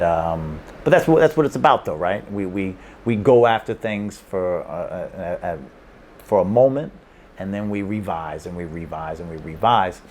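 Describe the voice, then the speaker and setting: This deep, somewhat mellow male voice comes with slight background noise, recorded in a room in Hong Kong. Speaking to camera about learning languages, he wanders and repeats points, frequently starting over with small laughs.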